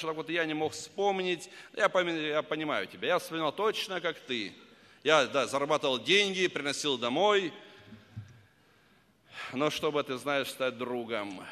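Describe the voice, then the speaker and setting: Fervent preacher man in echoing hall. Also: a little high. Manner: earnest storytelling, swelling to loud fervent pleading. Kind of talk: emotional sermon.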